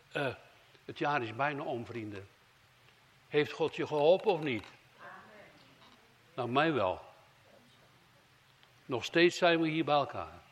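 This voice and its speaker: A man delivers a fervent sermon, his voice sitting fairly high for a man. He pushes key phrases out loudly and then drops to low, hushed lines. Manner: fervent preaching, swings from loud emphasis to low hushed phrases. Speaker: preacher.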